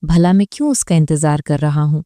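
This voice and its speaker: A proud young hero of a romance audiobook, earnest and sometimes stern, as a woman reader puts him on. The voice stays warm and fairly low. The sound is dry and close. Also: lively intonation, no room sound.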